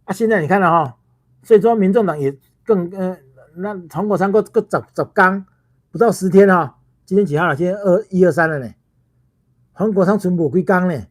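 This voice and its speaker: A man's voice: high-pitched, a little fast. A man with a Taiwanese Mandarin accent giving heated political commentary on a livestream. He scolds in rhetorical questions and restarts often.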